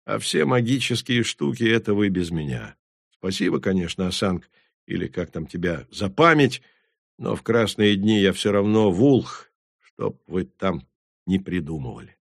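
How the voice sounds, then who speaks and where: A man's voice: low voice, expressive, moderate pace, gravelly, dry recording, clean studio sound, exaggerated voice. A man reading an audiobook, voicing a bitter male werewolf warrior who talks bluntly and swears. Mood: scornful.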